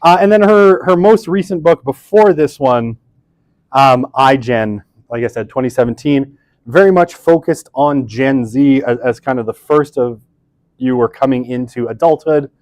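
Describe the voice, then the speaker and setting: A man in his thirties gives a casual university lecture in an old lecture room, speaking into a podium microphone that barely picks him up. His mid-range voice has a darkish tone and moves at normal speed, with no room sound. He is chatty and self-deprecating and uses many fillers.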